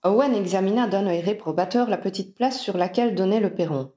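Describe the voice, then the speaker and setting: Brief: female audiobook narrator, calm even delivery, dark warm tone. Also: mid-range voice, a little fast. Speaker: reader. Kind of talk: audiobook narration of fan fiction.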